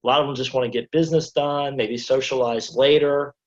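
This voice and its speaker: A man's voice: medium pitch, steady tone, fairly quick, dull audio. A man hosting a casual interview, speaking in long sentences with many you-knows. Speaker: host.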